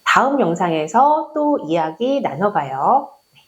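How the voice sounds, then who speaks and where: A woman's voice: medium pitch, sing-song, measured pace, highs cut off. A woman in her forties, a doctor, giving health advice to camera in a chatty, friendly explaining way with fillers. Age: 40s.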